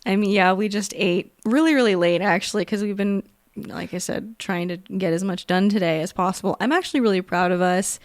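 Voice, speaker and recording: A woman co-hosting a podcast in a relaxed, chatty way. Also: mid-range voice, no echo, studio quality. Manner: relaxed, chatty, quick to laugh. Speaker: podcast co-host. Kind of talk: casual chat.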